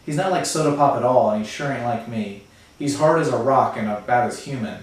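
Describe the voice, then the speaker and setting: A man's voice: medium pitch, a little fast, natural voice. A hurt, bitter teenage boy, told earnestly in a mid-range voice, as a man reads him. The voice sounds distant, with heavy room echo. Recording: very echoey room, far from mic.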